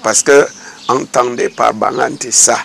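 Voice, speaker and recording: A Cameroonian theater actor speaking as an interview guest, slow and thoughtful, pausing often. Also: male voice, medium pitch, fairly even intonation, vocal fry, a bit bright. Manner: slow, thoughtful, with many hesitations. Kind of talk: casual interview conversation. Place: outdoors at a rural home. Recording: faint outdoor noise.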